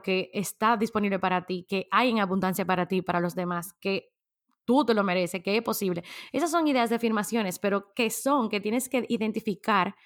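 A woman giving a chatty motivational talk, addressing her audience directly and laughing often. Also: medium pitch. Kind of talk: casual motivational talk to camera.

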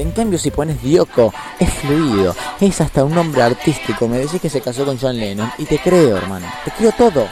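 An Argentine man hosts a scripted comedy monologue with a lively, swinging delivery. His voice sits a little high, and he rants in a mock-serious, exaggerated way. Faint music plays underneath. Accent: Argentine Rioplatense Spanish. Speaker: comedy web series host.

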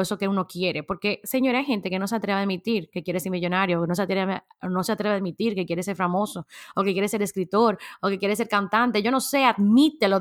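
A woman's voice: medium pitch, fairly bright tone. A woman giving a casual motivational talk, speaking straight to her listeners and laughing easily as she chats. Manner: chatty, addresses listeners directly, laughs easily. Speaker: self-help speaker.

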